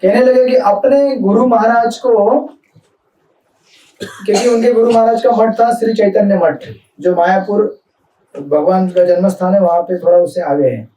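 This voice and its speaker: A man's voice: sits high, fairly even intonation, measured pace, long pauses, warm tone. A man giving a conversational devotional talk in Hindi-mixed speech, asking the audience questions as he goes. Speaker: spiritual speaker. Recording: echoey hall, mic from a distance.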